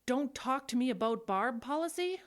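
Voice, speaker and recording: A woman acts as an exasperated female office worker in an audio comedy. Her voice is fairly high and very animated, with a wry, bossy, dramatic edge. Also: normal speed. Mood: dryly scheming. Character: exasperated, sharp-witted female radio station employee.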